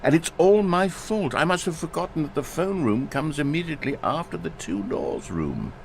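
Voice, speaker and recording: An actor playing a fussy, theatrical narrator in a video game, vain, easily crushed, wordy and pompous. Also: male voice, fairly high pitch, very animated, normal speed, a little hiss or hum. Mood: flustered, despairing.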